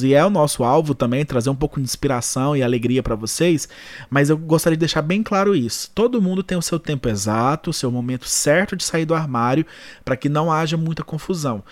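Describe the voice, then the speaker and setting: A man's voice: fairly high pitch, dry recording. A Brazilian man hosting a podcast in a casual, campy, effusive and theatrical way. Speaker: podcast host. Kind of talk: casual chat.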